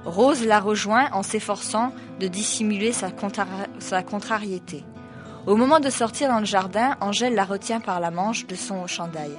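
A woman reads a novel aloud at an even, middle pitch. Between chapters she adds hesitant asides full of fillers. Faint music runs underneath. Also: normal speed. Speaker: reader.

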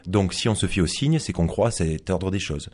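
An author reads his novel aloud in a low, expressive, darkish voice at normal speed. He narrates in first person as a sardonic psychologist who scorns belief, delivering a dry, mocking monologue with asides to an unseen listener.

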